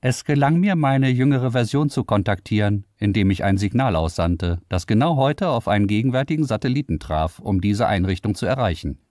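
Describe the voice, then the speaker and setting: A man's voice: lowish voice, expressive, a little fast, few pauses, darkish tone, dry recording, studio quality, voice pushed up, close to an everyday voice. A man voicing Jascha, a toneless AI. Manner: toneless, matter-of-fact. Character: self-aware male AI computer, boastful and lonely.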